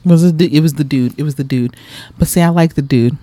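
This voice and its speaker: A woman hosting a podcast in casual chat, bawdy and quick to laugh. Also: deep voice, warm tone, no room sound. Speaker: podcast host.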